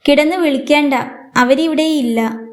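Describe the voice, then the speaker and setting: A woman's voice: high-pitched, normal speed, lightly acted. A woman voicing a protective young woman who speaks firmly and scolds a drunk man in a storybook reading. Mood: scolding. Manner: firm, scolding.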